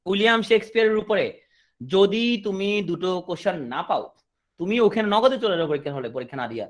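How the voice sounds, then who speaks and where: A man's voice: sits high, fairly quick. A man with a Bangladeshi accent giving a coaching class lecture, joking with his students between points. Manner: lively, joking asides to students. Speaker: teacher.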